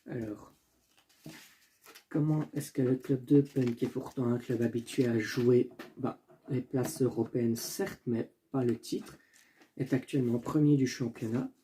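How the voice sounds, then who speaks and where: In this relaxed solo football video, the young host speaks as he thinks, with restarts, self-corrections, and apologies when he fumbles names. His voice is medium in pitch with a dark tone. A faint hiss or hum can be heard.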